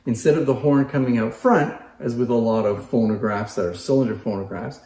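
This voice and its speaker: Showing off antique phonographs in an echoey room, a presenter talks fairly quickly in a mid-range, dark-toned voice. His demonstration is casual and explanatory.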